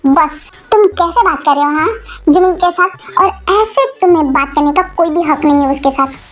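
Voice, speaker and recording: A woman's voice: high voice, moderate pace, fairly bright tone, soft background music. A woman voicing a firm young sister-in-law who scolds a younger man, in a voiced fan-fiction audio story. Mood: scolding.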